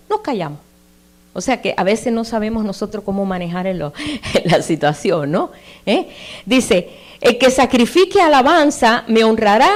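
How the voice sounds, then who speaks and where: A woman preaching a sermon in a conversational way. She reads scripture aloud with emphatic rises and puts questions straight to her listeners. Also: medium pitch. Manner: addresses listeners directly with tag questions.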